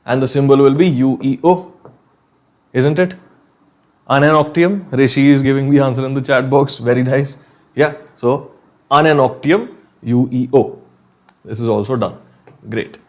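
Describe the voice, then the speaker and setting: A man's voice: medium pitch, steady tone, normal speed, pauses often. A man with a North Indian accent teaching an informal online chemistry lesson, chatty, repeating key points and checking in with okay and yeah.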